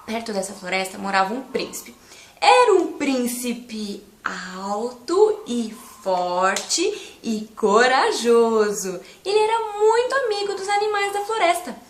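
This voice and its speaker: Animated children's storyteller, woman, high lively voice, echoey room. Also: takes it slowly. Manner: animated, coaxing the audience to join in. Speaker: storyteller teacher.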